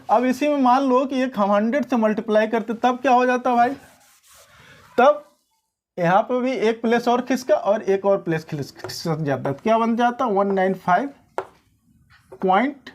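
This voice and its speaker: Woman maths teacher, slightly high voice, keeps checking the class follows. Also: moderate pace, a little mellow. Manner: questioning, checks understanding often. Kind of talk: classroom-style maths lesson.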